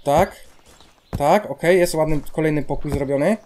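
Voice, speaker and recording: A man's voice: fairly high pitch, moderate pace, darkish tone, slight background noise. A young man speaking with a Polish accent, casually commentating a building game, chatting to himself and bursting into exasperated outbursts at the game. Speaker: let's play gamer.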